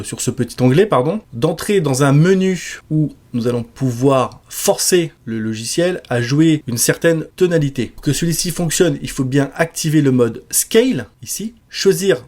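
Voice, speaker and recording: A man giving a relaxed step-by-step music software tutorial with casual fillers. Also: on the high side. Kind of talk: screen-recorded software tutorial.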